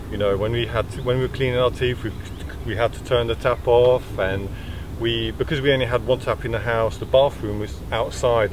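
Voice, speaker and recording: A man in his thirties, from Belgium, talking casually and hesitantly with many fillers while walking through the countryside valley. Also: mid-range voice. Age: 30s. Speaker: furniture maker. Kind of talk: outdoor walking vlog. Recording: noisy outdoor recording.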